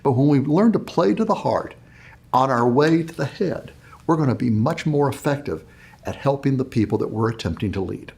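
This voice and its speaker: A man's voice: mid-range voice, expressive, moderate pace, vocal fry, a little mellow. A man hosting a leadership show, giving a motivational talk and telling a story dramatically. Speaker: host, leadership speaker.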